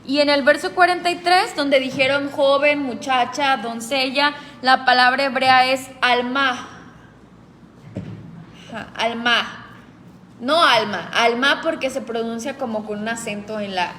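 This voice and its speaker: A woman leads a group Bible study in a calm, explanatory way, putting questions to her listeners. Her voice sits high and her pace is slow and deliberate. A long reverb and faint background noise hang around her words.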